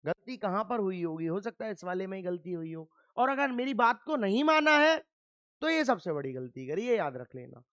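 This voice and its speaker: A man's voice: high voice, big pitch swings, normal speed, fairly bright tone, dry recording, studio quality. A man teaching a chemistry lecture, firmly drilling students by asking questions and answering them himself. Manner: firm, scolding reminders to pay attention. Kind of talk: classroom lecture.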